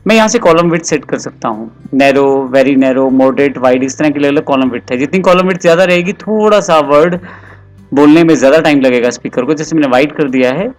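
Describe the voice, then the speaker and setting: Male computer tutor, slightly high voice. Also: fast, soft background music. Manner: patient, step-by-step explaining. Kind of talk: software tutorial voice-over.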